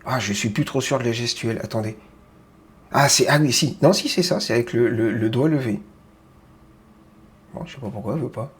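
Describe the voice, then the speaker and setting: A man hosting a casual home product demo of a webcam, chatty and excited, with lots of fillers and restarts. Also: mid-range voice, fairly quick, long pauses. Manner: enthusiastic, keeps repeating how great it is. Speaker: tech video host. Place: small room at home with grow tents.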